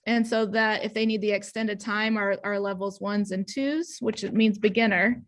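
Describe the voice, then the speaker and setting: This Indiana woman, thirties, is an ENL teacher speaking at a conference over a video call, captured by webcam. She talks at normal speed with a medium pitch and fairly even intonation. Her delivery is earnest, peppered with ums and restarts.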